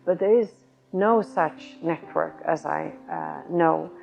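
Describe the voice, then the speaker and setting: A woman heading a policy research cluster, speaking in a measured way and pausing to choose her words. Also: sits low, vocal fry, darkish tone. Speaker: head of a policy center cluster. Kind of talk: interview statement. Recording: slightly muffled recording with music.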